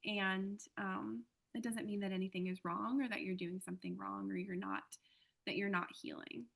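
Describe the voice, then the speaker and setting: A woman speaking as an interview guest, reflective and earnest, pausing often as she thinks aloud. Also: mid-range voice, fairly even intonation, gravelly, a bit bright. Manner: earnest, thoughtful, many "um" and "like" pauses.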